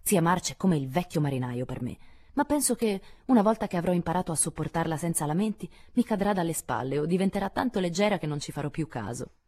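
A woman's voice: lowish voice, expressive, quick pace, a little mellow. A woman reading an audiobook voices Jo, a blunt, boisterous teenage girl who talks in a brash, teasing way. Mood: cheerful.

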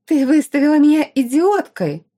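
A woman voicing a furious, spoiled young noblewoman who shrieks and yells hysterically. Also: on the high side, a little slow, breathy edge, voice pushed up. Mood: shrieking fury. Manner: shrieking, yelling. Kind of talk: audiobook character voice.

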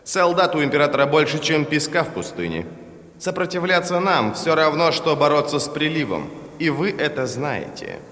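A proud imperial envoy in an audiobook , voiced by a male reader, speaking down to everyone. His voice is resonant and commanding, pitched a little higher and pushed louder than the narration. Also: very animated, moderate pace, reverberant, in a large hall. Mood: haughty. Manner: arrogant, pompous. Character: haughty, imperious tall male ambassador.

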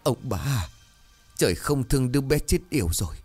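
A man's voice: medium pitch, expressive, a little fast, a little mellow, breathy edge, soft background music, voice pushed up. A man voicing a hard, scheming old midwife who gives curt orders and feigns sorrow. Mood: feigned grief.

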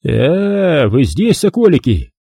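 A stout army captain, acted by a man sounds hearty and patronizing. The delivery is lively and swings widely in pitch. The voice has a dark, husky color. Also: takes it slowly, no room sound, clean studio sound, full character voice. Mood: jovial.

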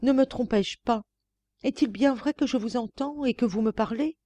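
A woman reading aloud plays a sorceress queen from an old tale, by turns wailing, pleading and commanding. The voice climbs higher than the narration, its tone mellow and soft-edged, set in a dry, close recording. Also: animated, normal speed, no room sound, natural voice. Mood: eager. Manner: impassioned, theatrical lamenting. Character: passionate, cruel sorceress queen pleading with her lover. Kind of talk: audiobook reading of a classic tale.

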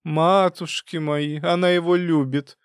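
A man reading an audiobook, voicing a fierce old woman who scolds her niece in a loud, folksy way. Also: on the high side, flat delivery, a little slow, clean tone, no echo, clean studio sound, pitched above the performer's own voice, close to an everyday voice. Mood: scolding.

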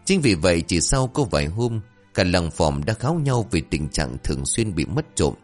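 A man's voice: low-pitched, normal speed. A man narrating a comic folk tale and voicing its characters. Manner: lively, voices all characters. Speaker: storyteller. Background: faint music.

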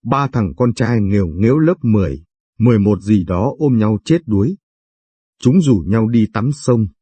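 A man narrates a somber short story in a measured reading voice. His tone is low, dark and slightly husky. The recording is close and dry. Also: lively intonation, no room sound.

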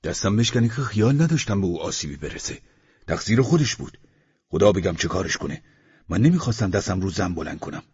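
A man's voice: sits low, expressive, darkish tone, husky, exaggerated voice. A man voicing a desperate, remorseful fugitive. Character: desperate burly grown man on the run, remorseful. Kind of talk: audiobook character voice. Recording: slightly muffled recording.

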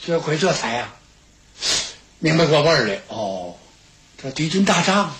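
A man narrating a traditional tale on radio in a brisk, animated way. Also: a little high, roomy sound, a little hiss or hum. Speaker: storyteller.

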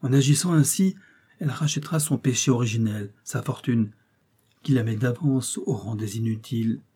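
Male reader plays a defiant young princess, husky and dark-toned, passionate speeches. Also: mid-range voice, normal speed, close to an everyday voice. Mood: impassioned. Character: proud idealistic young Russian princess.

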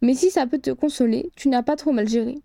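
A woman's voice: high-pitched, fairly quick, gravelly, mellow, no room sound, studio quality. A woman voicing a wry, teasing male wizard partner in a storybook reading, speaking dryly.

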